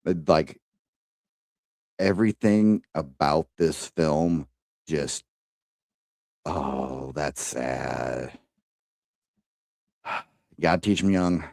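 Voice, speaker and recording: A man's voice: deep voice, takes it slowly, long pauses, darkish tone, no echo, clean studio sound. A man co-hosting a podcast in casual chat, enthusiastic, laughing and swearing freely. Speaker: podcast co-host.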